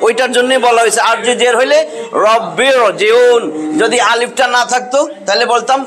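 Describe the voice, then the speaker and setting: A man's voice: very high-pitched, little pitch movement, quick pace, fairly bright tone. A man teaching a Quran recitation class, patiently repeating each rule with drilled examples. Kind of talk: classroom tajweed lesson.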